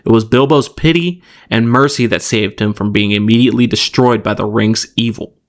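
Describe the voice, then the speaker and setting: A man co-hosting a podcast, moving between relaxed chat with fillers and restarts and read-out passages of plot summary. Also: on the low side, moderate pace. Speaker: podcast co-host. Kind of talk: casual chat mixed with reading a plot summary.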